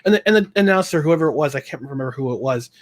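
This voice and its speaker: A man's voice: fairly high pitch, animated, rapid-fire. A man co-hosting a casual football reaction show, recapping plays with mock exasperation. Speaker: podcast co-host. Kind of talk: casual sports chat.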